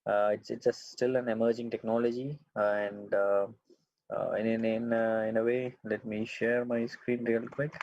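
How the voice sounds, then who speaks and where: A man's voice: mid-range voice, flat delivery, normal speed, darkish tone, no room sound. A man from India giving a webinar talk over a video call, hesitant with many fillers and restarts. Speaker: webinar speaker. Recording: dull lo-fi video call audio.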